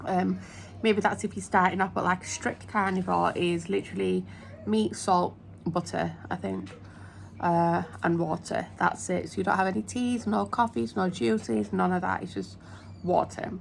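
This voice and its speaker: Young british woman rambling to her phone cam at home, um like um, bit of vocal fry. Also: fairly low pitch, steady tone, unhurried, a little hiss or hum. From United Kingdom. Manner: chatty, rambling, lots of ums and likes. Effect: phone video recording. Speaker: vlogger. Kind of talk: casual chat to camera. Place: indoors at home. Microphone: phone camera held at arm's length.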